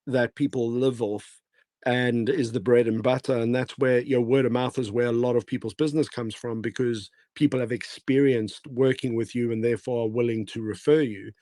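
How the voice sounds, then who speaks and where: A man with a hoarse, failing voice giving casual, rambling advice as a guest in a live online audio room, with many fillers and restarts. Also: mid-range voice, mellow, no echo. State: hoarse, losing his voice. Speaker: guest speaker.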